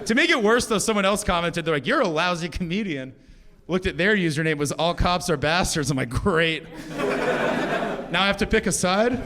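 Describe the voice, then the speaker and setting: A man's voice: high-pitched, animated, quick pace, hardly any pauses, sharp tone. A young man performing a stand-up comedy set on stage, wry and self-mocking, often slipping into quoted voices. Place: comedy stage with a live audience laughing.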